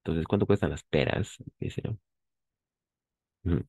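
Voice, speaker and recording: A man's voice: low voice, moderate pace, a little mellow, husky, dry recording. A man teaching a French class, patiently repeating words and correcting pronunciation, switching into Spanish to explain. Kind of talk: language class instruction.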